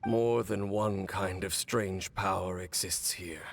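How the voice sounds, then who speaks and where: A man voicing a grave, mysterious swordsman in a game, gruff and gravelly, weakened and sick, speaking in a solemn, measured way. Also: low voice, steady tone, a little hiss or hum, full character voice. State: weakened, coughing.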